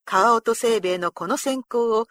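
A woman narrating a historical storybook in a measured, expressive way. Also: a little high, dry recording.

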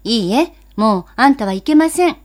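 Casting: a woman playing a composed, firm mother, a touch raised, soft-toned storybook voice. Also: on the high side, expressive, moderate pace, natural voice. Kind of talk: storybook reading.

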